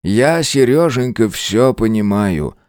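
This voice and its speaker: A narrator puts on an old professor who needles his foe with sly, mocking calm. The voice sits high and swoops a lot, with a dry close sound. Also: moderate pace, no room sound. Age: older. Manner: mocking and teasing.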